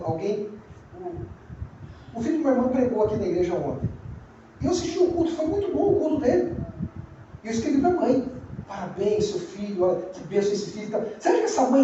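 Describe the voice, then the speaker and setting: A man's voice: very high-pitched, mellow, a little hiss or hum. A man with a Brazilian Portuguese accent, preaching a sermon as pastor in a conversational way, repeating phrases and asking the congregation questions. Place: church sanctuary. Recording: very echoey, distant, dull church recording.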